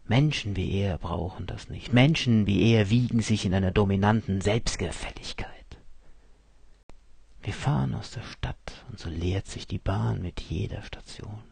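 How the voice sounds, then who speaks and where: Brief: a male first-person narrator, cold and measured, slow and dry-voiced. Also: on the low side, gravelly, darkish tone, breathy edge, dry recording.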